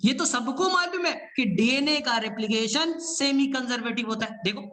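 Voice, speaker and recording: A man teaching biology in a live online class, energetic and repetitive, quizzing students as he explains. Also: extremely high pitch, moderate pace.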